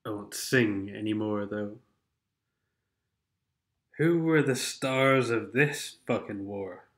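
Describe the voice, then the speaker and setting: Over game replays, a man with a lowish voice and a cold-blocked nose offers slow, sardonic, meandering remarks. He is a gaming commentator who sings fragments of songs as he goes.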